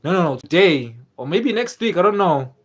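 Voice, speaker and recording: This livestream host is a young man from South Africa with a slightly high, animated voice, talking at a normal speed. His casual rambling loops back on itself, is full of fillers, and includes viewer comments he reads out as he goes.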